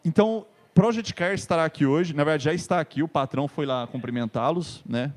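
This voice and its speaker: A man's voice: on the high side, a little fast. A man with a Brazilian accent hosting a live talk show in a chatty, joking way. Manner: jokey, chatty banter.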